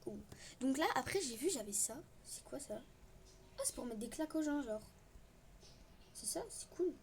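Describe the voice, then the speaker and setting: A woman's voice: high voice, lively intonation, moderate pace, a little hiss or hum. Chatty young French-speaking gamer woman. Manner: chatty, rambling, self-mocking. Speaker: gaming youtuber. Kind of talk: casual gameplay commentary.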